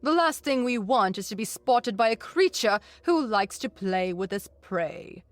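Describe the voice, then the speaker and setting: A woman voicing an older male alien professor who talks in a hushed, urgent whisper, with a changed timbre, in a storybook reading. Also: fairly high pitch, animated, unhurried, dry recording. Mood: hushed eager.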